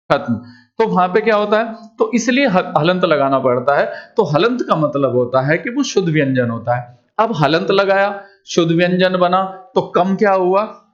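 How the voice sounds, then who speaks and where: A man teaching a Hindi class who explains step by step and asks questions that he answers himself. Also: fairly high pitch. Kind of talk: classroom lesson. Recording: dull lo-fi recording.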